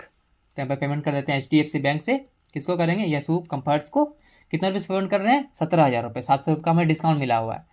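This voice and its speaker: A woman teacher giving a step-by-step software tutorial at her computer, explaining each entry while mixing English terms into her speech. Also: low voice. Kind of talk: screen-recorded software tutorial.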